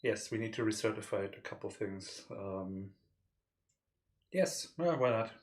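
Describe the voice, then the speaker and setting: A man's voice: fairly low pitch, lively intonation, unhurried. Breathless casual male co-host. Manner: playful, fussing with the mic setup. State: a bit out of breath. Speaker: podcast co-host. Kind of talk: casual livestream chat.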